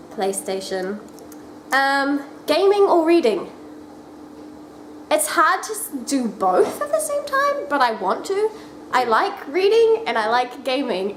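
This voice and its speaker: A young woman with a New Zealand accent chats casually to her camera, wandering off-track and filling her answers with ums. Her voice sits a little high. The room is echoey with a faint background hum. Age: 20s. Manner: chatty, rambling, many "um"s and restarts. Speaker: vlogger. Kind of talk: casual chat answering questions.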